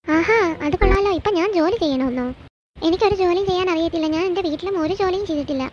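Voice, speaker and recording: A woman's voice: very high-pitched, rapid-fire, darkish tone. A woman voicing a spoiled, rich young daughter-in-law in a cartoon, whining and demanding in a petulant way. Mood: indignant. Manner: whiny, petulant complaining. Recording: dull lo-fi with faint hiss.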